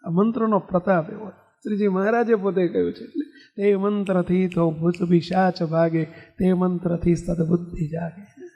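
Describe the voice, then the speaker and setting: A man's voice: sits high, little pitch movement, normal speed, vocal fry, dark tone. A swami gives a religious discourse to a congregation. He keeps asking the listeners questions and leads them in call-and-response chanting. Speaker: swami preacher. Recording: dull lo-fi sound with long hall reverb.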